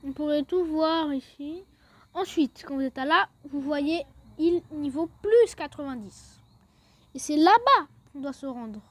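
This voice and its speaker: With lively intonation and an unhurried pace, a high-pitched woman talks through a game step by step for her gaming channel. The tone is casual and chatty, "then" marks many of her transitions, and there's no room sound.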